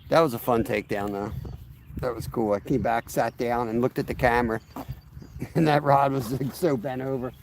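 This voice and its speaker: A man of ordinary pitch hosts a casual fishing vlog from a riverbank. He talks in a relaxed, easygoing way and addresses his viewers directly, with faint outdoor noise behind him. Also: normal speed, gravelly. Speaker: fishing channel host.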